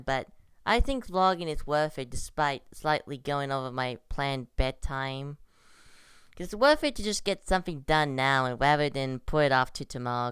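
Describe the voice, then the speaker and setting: A woman's voice: low voice, fairly bright tone, smooth, no echo, clean studio sound. A young woman vlogging at home, rambling casually and hesitantly with many restarts. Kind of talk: casual vlog monologue. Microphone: computer recording.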